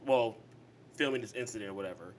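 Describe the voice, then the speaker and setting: A man's voice: lowish voice, fast, slight background noise. A young man co-hosting a casual podcast, swearing freely and laughing through his stories. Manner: profane, laughing storyteller. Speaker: podcast co-host.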